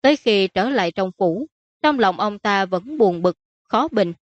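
A woman narrating a story in a steady, even manner. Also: mid-range voice, measured pace, no room sound, dull audio. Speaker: audiobook narrator. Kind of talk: scripted narration.

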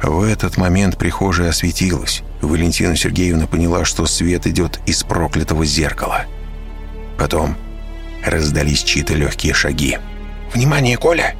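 A man narrating an audiobook in an expressive storytelling manner. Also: a bass voice, normal speed, creaky, faint music behind. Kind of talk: scripted narration.

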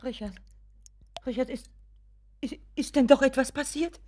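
A woman's voice: sits high, unhurried, a little mellow. An actress playing an anxious, doting mother of a grown son in a radio drama, pleading and fretting, often sinking to a whisper. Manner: pleading and fretful, drops to whispers.

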